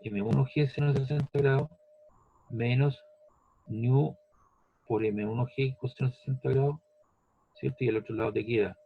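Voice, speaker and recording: A man's voice: medium pitch, steady tone, normal speed, pauses often, muffled recording, a little hiss or hum. A man teaching a physics lesson step by step, patient, repeating each step and checking that the student follows. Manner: patient, repeats steps, asks "¿ves?" and "¿cierto?".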